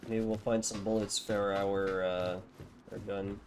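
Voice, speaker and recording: A man's voice: lowish voice, level tone, unhurried, slight background noise. A young man streaming a game, chatting casually and amiably with strangers he meets. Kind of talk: casual chat while playing a game.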